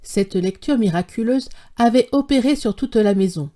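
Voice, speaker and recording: A woman narrating a classic short story as an audiobook, in a measured, literary reading style. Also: fairly high pitch, expressive, mellow.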